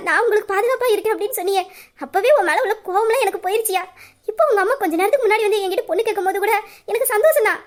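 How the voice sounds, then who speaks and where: A woman voicing a tender, emotional mother. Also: very high voice. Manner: emotional, tearful-happy, affectionate. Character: warm-hearted mother of the bride, middle-aged woman. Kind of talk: audio drama acting.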